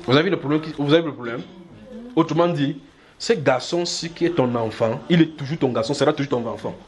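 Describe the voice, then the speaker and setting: A man preaching a sermon in church, lively and demonstrative, often checking that the congregation follows. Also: on the high side, a little fast. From Cameroon. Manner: animated, acts out little scenes and keeps checking the congregation follows.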